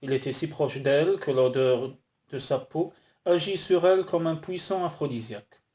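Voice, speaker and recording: A man narrating a romance audiobook in a measured, flowing manner. His voice sits a little higher than most men's. He tells the story steadily and smoothly. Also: a little mellow. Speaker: audiobook reader.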